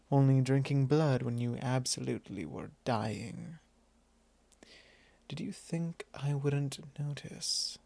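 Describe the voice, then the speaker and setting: In an intimate ASMR roleplay, a man plays a suave vampire lord with mellow, gravelly courtliness at a medium pitch. Possessive, softly commanding, and teasing, he sounds gently chiding, and the audio is very close and dry with no echo.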